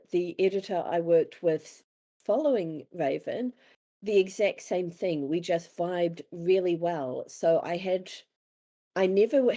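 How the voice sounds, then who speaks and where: This interviewed author has a New Zealand accent and a low, dark voice. She talks casually and candidly, pokes fun at herself, and performs bits of dialogue while telling stories.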